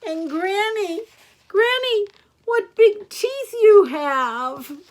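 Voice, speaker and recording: A woman voicing a sweet, polite, naive little girl in a storybook tale, earnest and halting. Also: sits high, fairly bright tone, pitched above the performer's own voice. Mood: hesitant, amazed. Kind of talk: storybook character voice.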